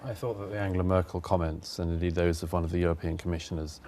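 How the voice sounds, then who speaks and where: Man, lowish voice, emphatic political commentator. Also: steady tone, fast, a little mellow. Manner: firm, emphatic argument. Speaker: studio guest.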